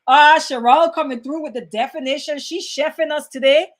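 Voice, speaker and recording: Animated high-voiced woman host. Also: moderate pace. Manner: animated, conversational, reads out viewer comments. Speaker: host reading live chat. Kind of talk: casual livestream talk.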